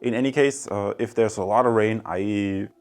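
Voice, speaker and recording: A man reviews a product and comments on a radio range test, speaking casually and directly to viewers and frequently repeating his phrases. His voice is on the low side at normal speed, with faint music behind him.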